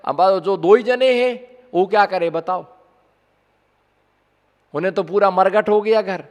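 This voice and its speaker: A man's voice: high voice, unhurried, a little mellow. A man, a Jain monk, giving a conversational sermon full of rhetorical questions to his listeners. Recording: long hall reverb.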